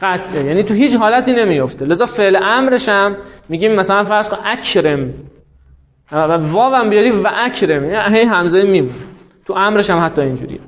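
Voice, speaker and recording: Man, teacher, classroom lecture, high voice, explains patiently, poses questions and answers them, muffled lo-fi sound. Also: expressive. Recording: dull lo-fi recording.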